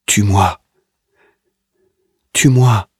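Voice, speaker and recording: A man's voice: lowish voice, very slow, a little mellow, slightly rough, dry recording, studio quality, voice pushed up, exaggerated voice. A man voicing a terrified young captive woman in a story reading, pleading desperately.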